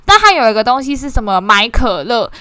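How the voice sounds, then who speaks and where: A woman casually shares her impressions of a course, talking in an animated, self-mocking way with many restarts. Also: a little high, brisk, clean tone, dry recording. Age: 20s. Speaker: course participant sharing reflections. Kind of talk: casual spoken sharing.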